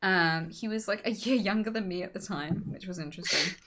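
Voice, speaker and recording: A young woman streamer telling stories in casual chat, animated and laughing often. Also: mid-range voice, a little fast.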